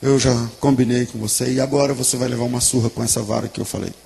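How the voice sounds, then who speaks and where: A man's voice: mid-range voice, steady tone, gravelly, a little mellow. A man voicing a stern, firm mother. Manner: firm, measured, turning pleading. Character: stern but loving mother disciplining her son.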